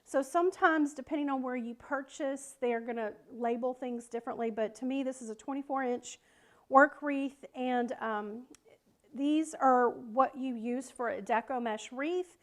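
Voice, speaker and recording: A woman's voice: high voice, measured pace. A woman with a Southern American accent teaching wreath making on a live stream, chatting with viewers and greeting them by name as she works. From South Carolina, United States. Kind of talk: live-stream craft tutorial.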